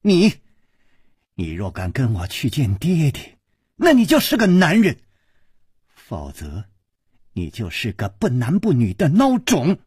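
A man's voice: high voice, sing-song, brisk, pauses often, warm tone, breathy edge, no echo, clean studio sound, voice pushed up, exaggerated voice. A male storyteller voicing a spoiled, hysterical young swordswoman who shrieks, scolds and wails at the men around her. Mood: shrill scolding. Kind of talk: traditional storytelling.

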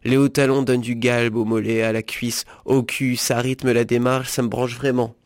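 A man voicing a rough, violent, jealous male dishwasher who drinks, read in a flat, low-key way close to his own voice. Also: normal speed, no echo, close to an everyday voice. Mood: leering.

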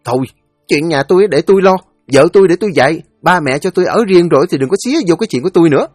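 A man's voice: fairly high pitch, expressive, very fast, darkish tone, no echo, clean studio sound, soft background music, voice pushed up. A man voicing a stubborn young husband, defending himself insistently. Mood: defensive.

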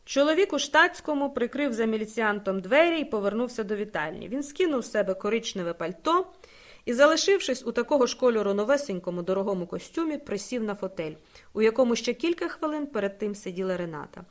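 A woman's voice: a little high, expressive, fast talker. A woman narrating a dramatic story as an audiobook reader. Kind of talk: scripted narration.

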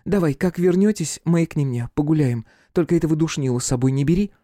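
A man's voice: fairly high pitch, fairly quick, mellow, dry recording, studio quality, voice pushed up, close to an everyday voice. A man reading an audiobook, voicing a cheeky, pushy young woman with a wheedling sing-song manner. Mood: sulky.

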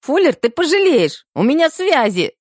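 A reader voicing a corrupt, panicky male head doctor with a shrill, squeaky voice in an audiobook. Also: sing-song, moderate pace, dry recording, clean studio sound.

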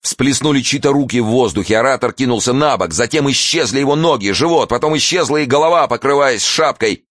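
An expressive male narrator reading an audiobook, his pitch moving widely through the sentences. His voice sits in a middle register and is recorded close and dry, with no room sound. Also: a little fast, no echo. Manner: expressive storytelling with acted voices.

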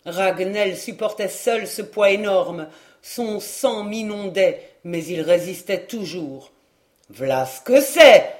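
An audiobook reader narrating a classic novel in the first person, in a measured, literary style. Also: mid-range voice, darkish tone. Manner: slow, measured reading.

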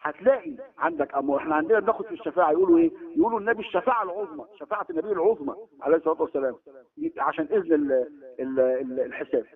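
A man with an Egyptian accent preaching a lesson, talking emphatically, acting out the stories he tells and slowing down for quotations. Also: fairly high pitch. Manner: animated, emphatic storytelling that slows for quotations. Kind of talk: sermon lesson in colloquial Egyptian Arabic. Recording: tinny phone-like lo-fi recording.

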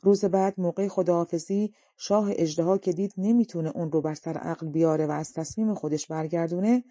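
A woman narrating a folk tale for an audiobook in a calm, measured way. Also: lowish voice, no echo. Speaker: audiobook reader.

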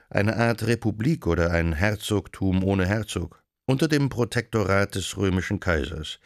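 A man reads a novel aloud as an audiobook narrator, measured and even in delivery. His voice is very deep with a gravelly edge. The recording is dry and close with no room sound. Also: dry recording. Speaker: audiobook reader. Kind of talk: scripted narration.

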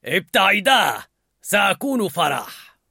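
A man's voice: a little high, lively intonation, moderate pace, vocal fry, dry recording, studio quality, full character voice. Man doing a seething, hot-tempered Anger. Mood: furious. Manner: loud, seething, drawn out.

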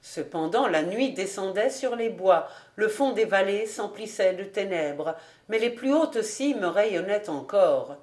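A woman's voice: medium pitch, animated, measured pace, a little mellow. Woman reading a classic novel aloud. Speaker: audiobook reader. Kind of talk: scripted audiobook narration.

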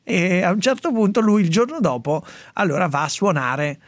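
A male radio host chatting and telling a listener's story with animated, laughing delivery. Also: high-pitched, normal speed, no echo. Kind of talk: lively radio chat. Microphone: studio mic.

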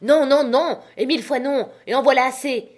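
A woman acting out a gruff old sea captain who barks his orders in loud, forceful bursts. He is rough, hot-tempered and commanding, straight from a storybook. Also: mid-range voice, moderate pace, lightly acted. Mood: shouting. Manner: barking, forceful outbursts.

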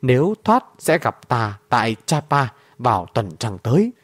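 A man reading a story aloud, voicing a fierce, bitter old woman warrior who barks orders gruffly. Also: medium pitch, sing-song, measured pace, dry recording. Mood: gruff commanding. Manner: gruff, bossy, barking orders.

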